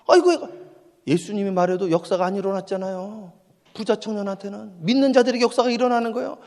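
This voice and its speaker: A man preaching at a dawn church service as pastor, emphatic, repeating his phrases and swinging from quiet talk to shouting. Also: very high voice, long reverb tail. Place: church sanctuary.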